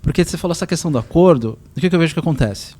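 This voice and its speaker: A man's voice: on the high side, lively intonation, very fast, a little mellow. A man hosting a podcast, explaining his views casually with comparisons to business. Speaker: podcast host.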